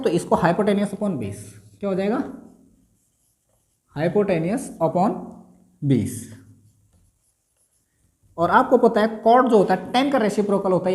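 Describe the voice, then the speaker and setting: Lively, echoey-voiced male maths teacher. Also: sits high. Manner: repeats key terms slowly, quizzing himself aloud. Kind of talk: classroom lesson at a board. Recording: roomy echo.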